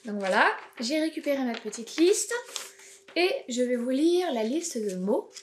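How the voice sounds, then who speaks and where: A preschool teacher gives a home-school video lesson to young children, speaking slowly, clearly and encouragingly. Her voice sits high and is expressive, with slight background noise.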